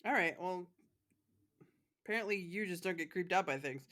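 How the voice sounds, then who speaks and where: A woman's voice: fairly low pitch, normal speed, a bit bright. Chatty, laughing woman podcast host. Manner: chatty, laughs often, many fillers. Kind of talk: casual chat.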